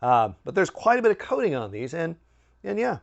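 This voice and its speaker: A man hosting a snack review, chatting casually with animated, swooping emphasis. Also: fairly high pitch, brisk, gravelly, highs cut off. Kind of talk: casual food review chat.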